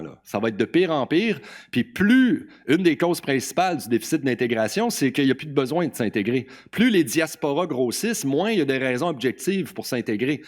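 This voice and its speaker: A man with a Québécois French accent giving a conference talk, speaking informally, repeating words and often tagging "là". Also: mid-range voice. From Quebec. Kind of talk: conference talk quoting testimonies.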